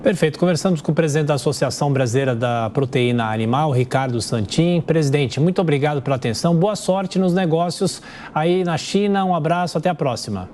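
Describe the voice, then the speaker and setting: Brisk fast-talking male news anchor. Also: a little high, a little mellow, slight background noise. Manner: brisk, courteous.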